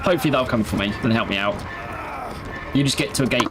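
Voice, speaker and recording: A man streaming a game live, chatting and laughing often with sudden excited outbursts. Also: medium pitch, fast. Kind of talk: live gameplay commentary.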